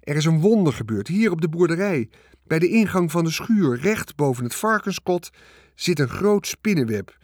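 A man's voice: medium pitch, normal speed, no echo, clean studio sound, natural voice. A man voicing a middle-aged farmer in a storybook reading, talking in a solemn, insistent way. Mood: excited insistent. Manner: rising to excited, insistent declaring.

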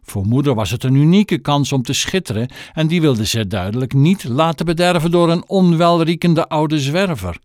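A man narrating an audiobook with expressive storytelling. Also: a little high, normal speed, dry recording, studio quality.

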